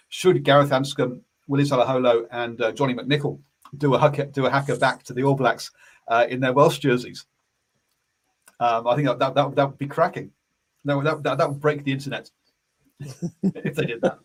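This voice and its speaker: A man's voice: mid-range voice, steady tone, moderate pace, pauses often, low-quality recording. A man hosting a casual rugby radio chat, hesitant with many fillers and restarts. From New Zealand. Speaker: sports radio host.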